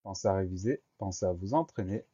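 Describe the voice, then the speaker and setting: A young man teaching a spelling lesson, spelling words out letter by letter with slow, careful dictation. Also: deep voice, expressive, dull audio, heavy background noise.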